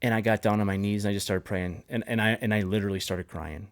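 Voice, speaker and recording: A man with a fairly low, steady voice speaks quickly while hosting a casual podcast conversation. Earnest and heartfelt, he recounts a personal story and often begins his sentences again. The recording is dry and studio quality.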